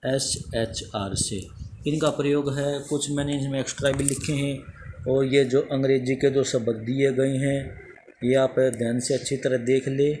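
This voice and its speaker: Male teacher, unhurried and methodical, recites pronunciation rules item by item for a lesson. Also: medium pitch, a little mellow, slight background noise. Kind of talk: spoken language lesson.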